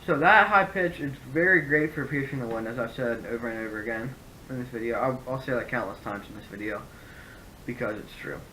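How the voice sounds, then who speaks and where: A man's voice: medium pitch, a little fast, pushed and bright, slight background noise, poor audio. A man giving a casual, rambling product review, often correcting himself as he explains. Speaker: hunting gear reviewer.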